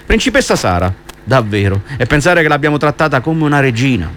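A man's voice: medium pitch, big pitch swings, a little fast, a bit bright. A cross headmistress bursts out in angry scolding, as a male radio host reads her lines. She snaps at whoever she has caught. Faint hiss sits under the voice. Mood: furious. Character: stern furious woman headmistress.

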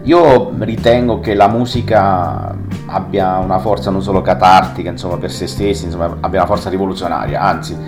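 A man's voice: sits low, fairly even intonation, fairly quick, hardly any pauses, over music. A male radio host asking long, rambling questions, often filling with "insomma" and "no?". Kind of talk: radio interview.

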